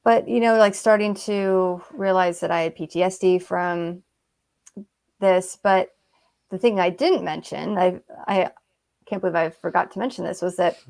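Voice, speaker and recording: This guest author has a lowish, slightly mellow voice with vocal fry, speaking at a moderate pace. She tells stories chattily in a casual interview, packing in fillers and acting out what other people said.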